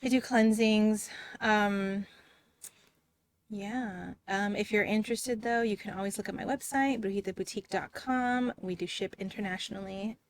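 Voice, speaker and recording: A woman's voice: medium pitch, steady tone, moderate pace, no echo. A woman, chatting as a bubbly, giggly podcast guest. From Texas. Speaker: podcast guest, shop owner. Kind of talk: casual chat.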